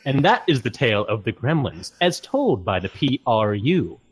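A man's voice: medium pitch, very animated, normal speed, breathy edge. A man voicing a pompous old-fashioned male air force officer, reciting verse in a put-on transatlantic accent with a theatrical sing-song delivery.

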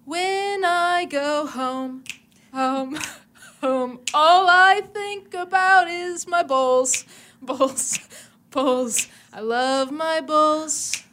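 A woman's voice: high voice, fairly even intonation, very slow, fairly bright tone, exaggerated voice. A woman voicing a sentimental young performer who gushes over a gift, overwrought and repetitive.

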